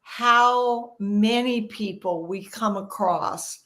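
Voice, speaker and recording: A woman's voice: medium pitch, drawn-out words, a bit bright. Older woman organizer, earnest and emphatic, casual co-host talk. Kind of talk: casual conversation.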